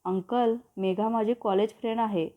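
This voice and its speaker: A bubbly, cheeky young woman who gets excited easily, read by a woman storyteller. The sound is thin, as if over a phone. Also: medium pitch, moderate pace, narrow, tinny audio, lightly acted. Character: bubbly playful young woman, wedding planner.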